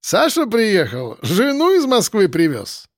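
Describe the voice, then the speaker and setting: A man's voice: sits high, wildly swooping pitch, a little slow, dry recording, studio quality, pitched above the performer's own voice, full character voice. A man voicing a stocky, jovial young joker with a slight foreign accent, playful and sing-song. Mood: joking.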